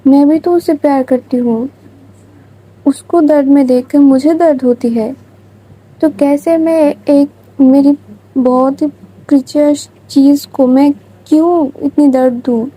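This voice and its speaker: A woman's voice: high-pitched, fairly even intonation, a little slow, dark tone, poor audio. A woman voicing a heartbroken young woman, hurt and pleading as she explains her hidden love, in a storytelling reading. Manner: pleading, hurt self-justifying.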